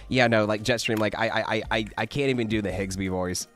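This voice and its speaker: A man's voice: fairly low pitch, fairly bright tone. A sick, coughing man streaming games and chatting casually, rambling with lots of "like". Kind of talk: casual gameplay chat.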